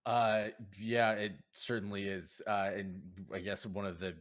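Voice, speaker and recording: A man's voice: lowish voice, fairly even intonation, measured pace. A man interviewing casually on an esports broadcast, with a hesitant, roundabout way of phrasing things.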